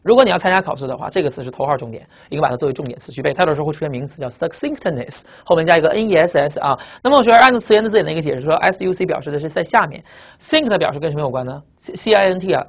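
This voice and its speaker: A male teacher giving a vocabulary lecture, explaining word roots and repeating key phrases so students remember them, and reading the English words out slowly. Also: a little high, lively intonation.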